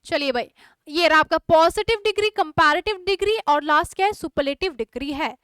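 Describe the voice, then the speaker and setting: High-voiced woman teaching, Indian English. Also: fairly quick, a bit bright, no echo, studio quality. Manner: chatty, mixes Hindi and English, asks students questions. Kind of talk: online exam-prep lesson.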